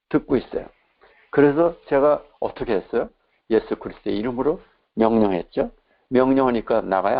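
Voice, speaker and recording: Male pastor, sermon, animated storytelling, gravelly low voice, muffled lo-fi sound. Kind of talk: sermon with retold exorcism dialogue. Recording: dull lo-fi recording.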